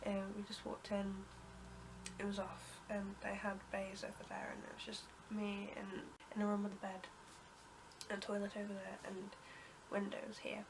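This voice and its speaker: Speaking at a moderate pace, a stuffed-up young woman from the UK rambles through a casual story for her vlog, full of ums, restarts and half-finished sentences. Her pitch stays flat, and she coughs and clears her throat along the way. Constant hiss runs beneath it.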